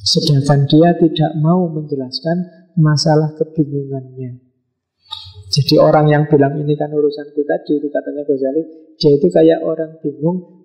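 A man's voice: a little high, a little mellow, rough recording. A middle-aged man giving a casual philosophy lecture, chatting with students and acting out quoted dialogue. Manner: conversational, acts out quoted dialogue.

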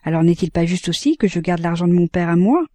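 A woman reading an audiobook voices a troubled young man, earnest and measured as he reasons with himself. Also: lowish voice, expressive, dark tone, dry recording. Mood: brooding. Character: troubled young man weighing his conscience.

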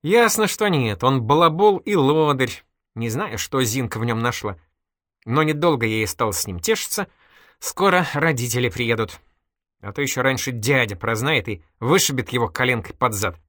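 A man's voice: mid-range voice, expressive, moderate pace, a bit bright, no room sound, studio quality, lightly acted. A man voicing a mischievous, giggly young woman in an audiobook, teasing and exclamatory. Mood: playful. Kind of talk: audiobook character voice.

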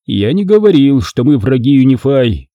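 A male narrator voicing a calm, measured older male Jedi master in an audiobook. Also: medium pitch, no echo, phone-quality sound, lightly acted. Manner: measured, firm.

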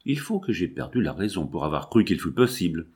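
A man's voice: deep voice, sing-song, a little fast, darkish tone, breathy edge, pitched below the performer's own voice, heavily acted. A man voicing a jealous, anguished nobleman husband who questions his wife with impassioned reproach, in an audiobook reading.

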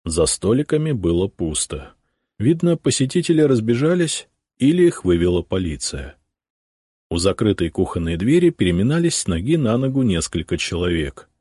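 Husky-voiced male audiobook narrator. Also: fairly low pitch, big pitch swings, normal speed, dark tone, no echo, clean studio sound. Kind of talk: first-person audiobook narration.

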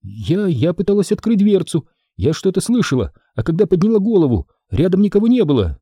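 Guy putting on a fussy shaken young woman, shrill and flustered, dark dry sound. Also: huge pitch swings, normal speed, husky, no echo, heavily acted.

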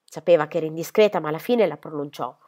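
A woman reading a novel aloud in a measured, expressive narration. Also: deep voice. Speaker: audiobook reader.

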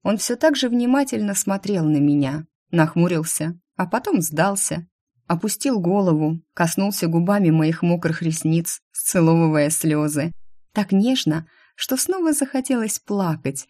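A woman narrating a first-person audiobook in a soft, intimate, expressive reading voice. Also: fairly low pitch, a little slow.

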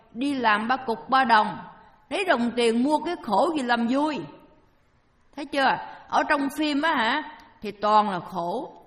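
A woman with a fairly high voice gives a Buddhist dharma talk, posing questions to her listeners and answering them herself through homely everyday examples. The recording carries a long hall reverb.

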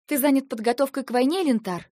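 A woman's voice: mid-range voice, fairly even intonation, normal speed, no room sound, studio quality, close to an everyday voice. A woman reading an audiobook, voicing a frightened and defiant young heroine whose lines are emotional and pleading. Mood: tense. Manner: emotional, pleading, rising to shouts. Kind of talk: audiobook dialogue.

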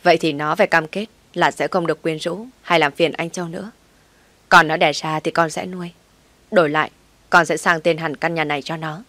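A woman voicing a wronged wife who speaks with cold, firm calm, in a low voice. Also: brisk, dry recording.

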